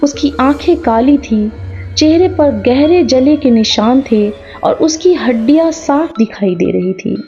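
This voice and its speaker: A woman narrating a scripted horror story in a slow, measured way. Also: high voice, lively intonation, mellow. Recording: dull lo-fi sound with faint music.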